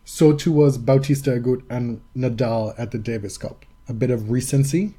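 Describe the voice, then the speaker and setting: A man's voice: medium pitch, normal speed, warm tone, husky. A man co-hosting a tennis podcast in casual chat, wry and teasing, stretching words for emphasis. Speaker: podcast co-host.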